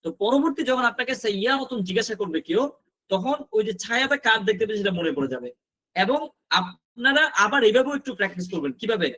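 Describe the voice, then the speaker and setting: Male teacher, high voice, patient vocabulary drilling, talks straight to students. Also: lively intonation, sharp tone. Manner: repeats words slowly for drilling; addresses students directly with questions. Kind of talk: recorded vocabulary lesson.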